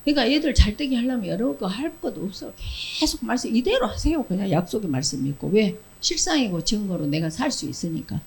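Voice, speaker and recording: A woman giving a Sunday school sermon to children in a church, lively, asking questions and answering them herself, acting out quoted lines. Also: mid-range voice, fast talker, vocal fry, few pauses, poor audio. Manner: acts out short quoted lines in character voices.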